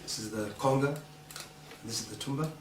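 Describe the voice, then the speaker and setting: A man's voice: mid-range voice, moderate pace, background noise. A man, a percussionist, eagerly explaining his instruments and repeating himself in a studio session. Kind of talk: casual studio chat. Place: recording studio room. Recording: echoey room, mic at a distance.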